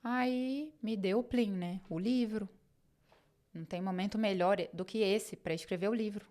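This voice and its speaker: A woman's voice: mid-range voice, moderate pace, a little mellow. A woman with a Brazilian Portuguese accent, telling a personal travel story in a chatty, rambling way. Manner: chatty, rambling, acts out quoted conversations.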